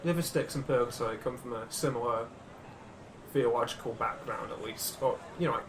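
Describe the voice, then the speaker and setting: A man's voice: medium pitch, brisk, background noise. A man co-hosting a let's play, chatting casually and teasing his partner with wry remarks. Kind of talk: casual gaming commentary.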